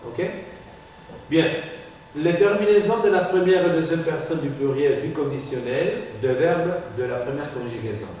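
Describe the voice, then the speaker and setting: A man's voice: medium pitch, a little mellow, muffled recording. Man teaching in an echoey classroom. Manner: explains step by step, often checks with "ok?". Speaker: phonetics teacher. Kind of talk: classroom lecture. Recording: echoey classroom from far off, faint hiss.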